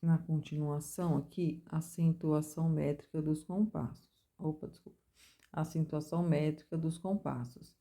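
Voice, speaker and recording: A woman with a low, mellow voice teaches a music theory class. She explains each point step by step and chants rhythm syllables to mark the strong beats. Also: steady tone, normal speed, gravelly. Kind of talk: recorded music theory lesson.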